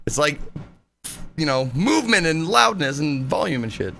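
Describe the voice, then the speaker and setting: A man streaming live, chatting casually in a loud, animated way and swearing freely. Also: fairly high pitch, normal speed, gravelly, slight background noise.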